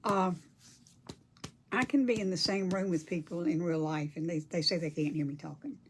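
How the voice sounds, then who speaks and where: A soft-spoken older woman with a lowish voice talks at a moderate pace during a casual painting livestream on crafting. She reads viewer comments aloud and murmurs to herself, with slight background noise audible.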